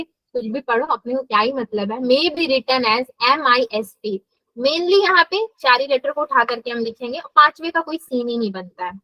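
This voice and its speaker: A young woman teaches a live math lesson in a high, bright-pitched voice. The sound is close and dry. She slips English terms into her explanations and keeps asking the students questions. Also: no room sound, poor audio. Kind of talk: live online class lecture.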